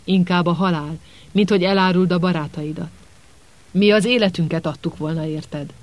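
A man's voice: high voice, fairly even intonation, close to an everyday voice. A man voicing a furious, vengeful grown male wizard who hisses his words. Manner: hissing, seething.

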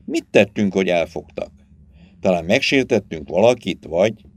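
A man's voice: low voice, expressive. A man voicing a frightened, bewildered young woman. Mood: fearful, bewildered. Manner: hesitant, fearful, halting.

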